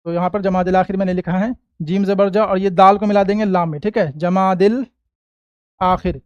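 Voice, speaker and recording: A man teaching a lesson, slowly repeating each word and answering his own questions, recorded close in a quiet room. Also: sits high, fairly even intonation, clear, resonant tone, dry recording, highs cut off. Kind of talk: classroom-style lesson with call and response.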